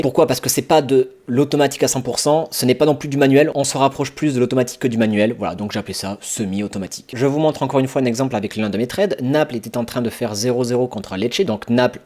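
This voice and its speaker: A man walks viewers through a trading tutorial in a plain, mid-pitched voice. He explains each step directly to the listener, peppering his talk with casual fillers. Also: a little mellow. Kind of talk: screen-recorded tutorial walkthrough.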